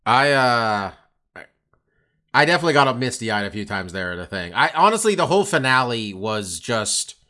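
Casual podcast co-host, male, bright and forceful tone, loose rambling delivery with swearing. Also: medium pitch, big pitch swings, moderate pace. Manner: rambling, lots of "like", swears freely. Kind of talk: casual chat.

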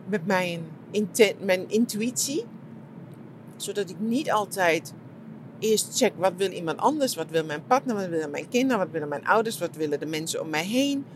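A middle-aged woman talking reflectively about her retreat, soft and searching, with many fillers and restarts. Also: mid-range voice, lively intonation, normal speed, noisy background. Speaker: shiatsu practitioner and podcast host. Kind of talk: reflective personal monologue.

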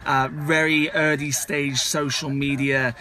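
Man, higher pitch, sharp bright tone, prepared question to camera, outdoors. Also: little pitch movement, slow. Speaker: viewer sending in a video question. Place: outdoors at a safari reserve. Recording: outdoor clip with faint background noise.

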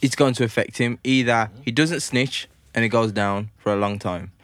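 A man's voice: medium pitch, normal speed, fairly bright tone. A man argues his point in a London roadman accent, thick with street slang. He is insistent and casual, talking among friends in a dry space with no echo.

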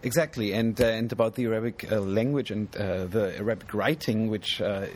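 This lowish, brisk male voice belongs to an artist from Germany being casually interviewed outdoors at an art fair. He talks through his work thoughtfully but haltingly, with frequent ums, over plenty of outdoor noise.

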